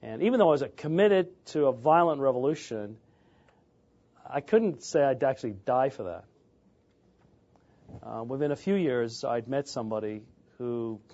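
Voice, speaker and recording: An Englishman in his fifties gives a relaxed lecture on church history, often stopping on filler sounds and starting over. His voice is medium-pitched and slightly mellow, and the recording sounds dull.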